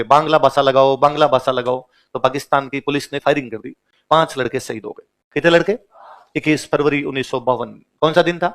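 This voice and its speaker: A male history teacher lectures a class at a rapid clip, his voice sitting a little high. He fires questions back at his students to drill the facts in. Now and then he acts out what someone said in short bursts. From Rajasthan, India. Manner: quizzes the class with repeated questions; acts out quoted speech in short outbursts.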